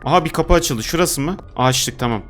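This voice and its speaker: Fast-talking young man narrating a game. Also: fairly high pitch, a little hiss or hum. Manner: talks to himself while playing, reads game notes aloud; gets loud and frantic when chased. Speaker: gaming YouTuber. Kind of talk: let's play commentary.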